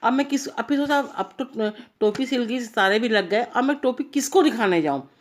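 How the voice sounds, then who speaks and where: A woman's voice: fairly high pitch, expressive, moderate pace. A woman telling a child a story in an informal, chatty way, speaking to the child directly as she goes. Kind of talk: bedtime story told aloud.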